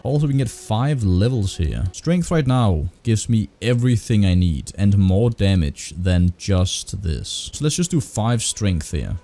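A man doing casual, profane gameplay commentary, excitable and talking to himself, his voice heavily compressed on a close mic. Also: lowish voice. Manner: excitable, exclaiming, talks to himself and the game. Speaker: gaming video host. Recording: heavily compressed voice over game music. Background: game music.

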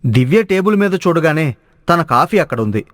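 A man's voice: a little high, big pitch swings, brisk, no echo. Male storyteller, dry close voice. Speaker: narrator. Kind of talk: storytelling narration.

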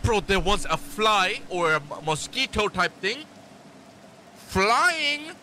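A man's voice: high-pitched, lively intonation, a little slow, sharp tone. A young man playfully rambling and joking while gaming with a friend, yelping when startled. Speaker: co-player. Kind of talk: casual gaming banter. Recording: noisy gameplay recording.

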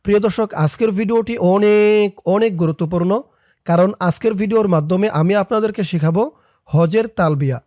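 A man teaching recitation, explaining quickly and then chanting each word slowly, letter by letter. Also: high-pitched, warm tone, no echo, clean studio sound. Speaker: Arabic pronunciation teacher. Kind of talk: recitation lesson, spelling out letters.

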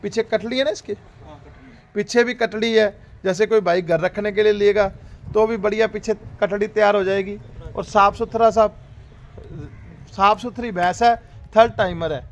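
Farm host, high-pitched male voice, upbeat salesman patter in an outdoor cattle yard on a phone mic. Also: steady tone, moderate pace, muffled recording. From Rajasthan, India. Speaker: dairy farm host selling livestock. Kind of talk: casual livestock sales pitch.

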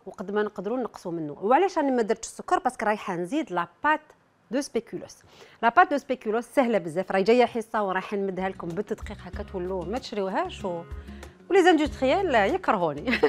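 Brief: Algerian woman, cooking show presenter, mid-pitched, fast, talks straight to her viewers. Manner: chatty, talks straight to viewers with frequent asides. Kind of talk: cooking demonstration.

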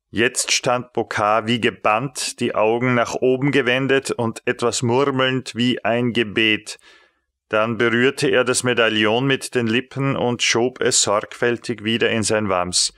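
A man narrating an audiobook in a measured, dramatic scripted reading. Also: mid-range voice, a bit bright, no echo, clean studio sound.

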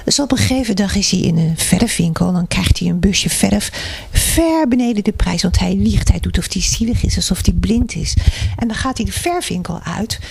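Gravelly-voiced woman telling a children's story. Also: medium pitch, normal speed. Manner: lively storyteller. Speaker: children's author. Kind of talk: explaining a book to children.

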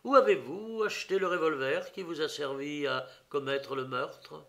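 A man voicing a shrewd male police agent who questions a prisoner in a measured, coaxing way with hesitant fillers. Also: fairly high pitch, vocal fry, sharp tone. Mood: stern.

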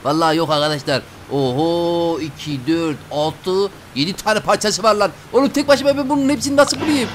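A man narrating his gameplay to viewers in an excited let's-play style, exclaiming often. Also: high-pitched, fairly quick, few pauses, slight background noise. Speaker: gaming video host.

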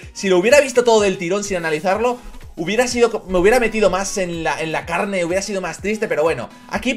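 A young man from Spain with a Spanish accent, hosting a casual video reaction with joking, exaggerated outbursts. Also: high-pitched. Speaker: YouTube reaction host.

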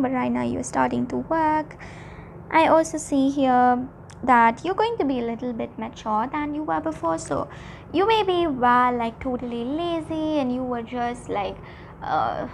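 High-pitched woman giving a mystical tarot reading. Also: gravelly, slight background noise. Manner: repetitive, hesitant phrasing, addressing listeners directly. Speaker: tarot reader. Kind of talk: mystical horoscope-style tarot reading, informal and unscripted.

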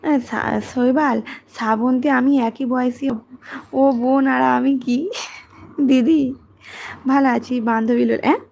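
A woman, hosting a casual livestream, reading comments and talking softly and quietly. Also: fairly even intonation, unhurried, gravelly, pauses often. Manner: soft, low-volume talk, as her daughter is studying. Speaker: livestream host.

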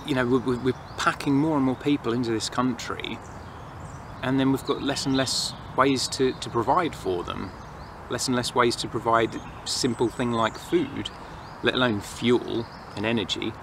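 An English man in his thirties, an outdoor vlogger, rambles casually and reflectively to camera about his opinions in a forest. His mid-range voice stays fairly even at a moderate pace, against noisy outdoor ambience with distant planes and traffic.

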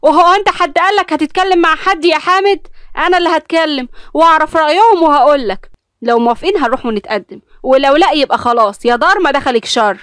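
A woman's voice: a little high, lively intonation, rapid-fire, few pauses, no echo, studio quality, natural voice. A woman with an Egyptian accent voicing an angry, scheming middle-aged mother in an audio story. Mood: furious. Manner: angry, scolding.

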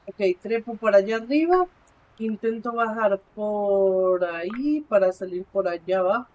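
A man giving casual live commentary while he plays, talking to the game character and to his viewers, swinging between exclamations and low muttering. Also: a little slow, a little mellow. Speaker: streamer.

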